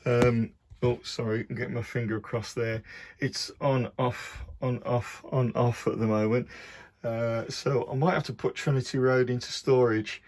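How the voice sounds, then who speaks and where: A man's voice: mid-range voice, darkish tone. A man with a Birmingham accent talking casually about his model build in a home workshop, with many ums and uhs. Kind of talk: casual video diary.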